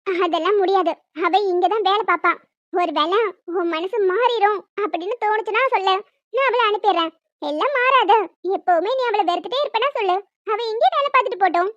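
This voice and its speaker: A woman voicing a bossy pregnant young cartoon woman, her voice pitched very high and almost childlike as she firmly talks others round. The sound is dull and lo-fi, dry and close. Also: a little fast, a bit bright, no room sound. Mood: persuading. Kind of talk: cartoon dialogue.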